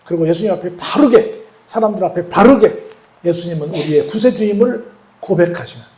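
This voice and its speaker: A man's voice: high-pitched, animated, fairly quick, background noise. A man preaching a sermon as a pastor, retelling scripture, asking the congregation questions, and acting out the quoted lines. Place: church sanctuary. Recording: echoey church hall.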